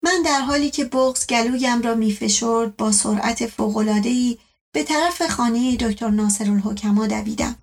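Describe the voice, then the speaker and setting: A woman narrating a novel in a scripted, storytelling style. Her voice sits fairly high. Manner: storytelling, voicing all characters. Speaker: audiobook narrator.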